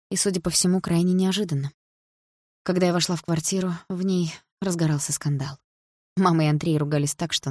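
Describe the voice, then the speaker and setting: A woman narrating a novel in first person, steady and quietly emotional. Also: sits low, husky, dry recording, clean studio sound. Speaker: audiobook narrator.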